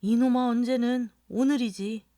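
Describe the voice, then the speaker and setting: A woman voicing a crude, drunken middle-aged male rickshaw puller in a storybook reading, shouting and cursing. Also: a little high, steady tone, moderate pace, dry recording, studio quality, lightly acted. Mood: wailing.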